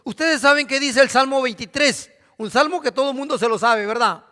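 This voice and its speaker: A man's voice: extremely high pitch, fairly quick, bright, forceful tone. A man preaching a sermon as pastor, asking his congregation questions. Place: church. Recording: reverberant church hall.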